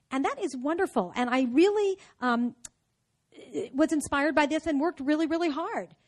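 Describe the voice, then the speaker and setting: A middle-aged woman with a slightly raised pitch gives a talk to an audience. She tells her story in a lively, enthusiastic way and teaches entrepreneurship with a steady, friendly energy. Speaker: speaker giving a talk.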